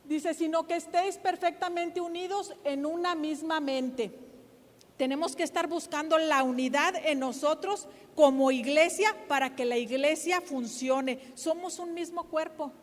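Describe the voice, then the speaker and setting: A middle-aged woman pastor, preaching a sermon in a loud, emphatic, lively way. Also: sits high, unhurried, big-room sound. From Mexico.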